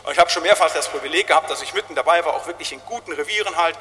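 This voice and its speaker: A man preaching a sermon with great emphasis, moving between loud cries and hushed words and tagging phrases with "halt, nicht?". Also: a little high, rapid-fire, big-room sound.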